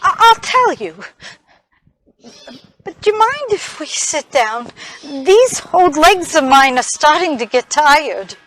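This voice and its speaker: An actress playing a gentle, hesitant older woman in a stage play, stammering softly as she offers comfort. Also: high-pitched, sing-song, slow, full character voice, poor audio. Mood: tentative. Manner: hesitant, stammering, soft-spoken.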